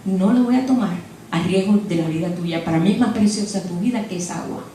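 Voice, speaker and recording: An older woman preaching a sermon in a lively, animated way, acting out quotes and laughing at her own jokes. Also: mid-range voice, brisk. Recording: echoey church hall, distant mic, faint noise.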